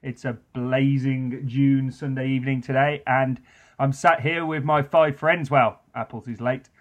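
A man's voice: medium pitch, fairly even intonation, unhurried, muffled recording. A man hosting a casual podcast with friends, joking and laughing often between lines. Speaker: podcast host. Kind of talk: casual chat among friends.

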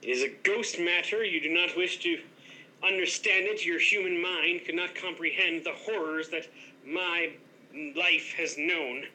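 A man's voice: sits high, fairly even intonation, a little slow, bright, forceful tone, slight background noise, exaggerated voice, low-quality recording. A man playing a pompous headless ghost innkeeper. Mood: haughty. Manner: haughty, grandiose, condescending. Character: pompous headless male ghost hotel master. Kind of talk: improv comedy scene.

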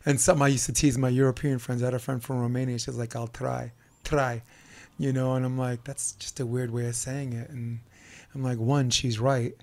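Gravelly Brooklyn man hosting a podcast. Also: mid-range voice, little pitch movement, a little fast, darkish tone. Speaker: podcast host. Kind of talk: casual podcast chat.

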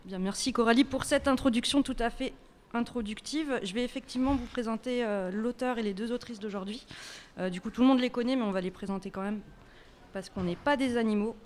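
A woman co-hosting a podcast before a live audience, introducing guests with playful, deadpan teasing. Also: fairly high pitch, fairly quick, a little hiss or hum. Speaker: podcast co-host.

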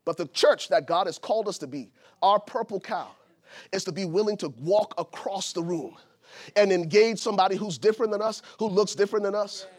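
A pastor from Liberia preaching a sermon, building to shouted emphasis. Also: male voice, high voice, a little fast. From Liberia, West Africa.

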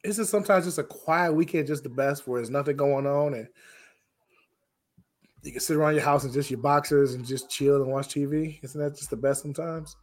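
A man hosting a casual podcast in a raspy, rough voice, hoarse from getting over a cold, talking informally with plenty of you-knows. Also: fairly high pitch, brisk. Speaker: podcast host.

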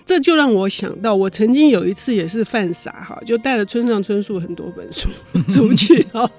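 A woman hosting a radio book show, asking her guest leading questions in a lively on-air manner. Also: mid-range voice, normal speed, faint music behind.

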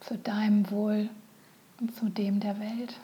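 A woman leading a guided meditation, speaking softly and often in a whisper. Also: medium pitch, little pitch movement. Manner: slow, soft, often whispered.

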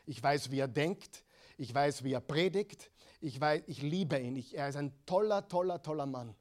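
A middle-aged man preaching a sermon, swinging between loud dramatic passages and quiet intimate ones, asking his listeners direct questions. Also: a little high, moderate pace. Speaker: pastor.

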